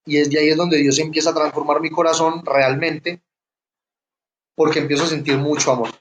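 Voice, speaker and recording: A young man giving a personal testimony, halting and often repeating words as he restarts. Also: a little high, little pitch movement, slight background noise. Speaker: interviewee sharing his testimony.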